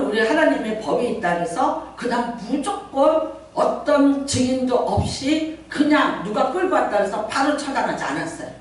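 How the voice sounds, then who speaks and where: Korean woman pastor preaching in an echoey hall. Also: fairly high pitch. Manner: conversational storytelling with playful asides and acted-out quotes. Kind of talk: sermon. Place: church sanctuary. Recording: very echoey hall, mic far off.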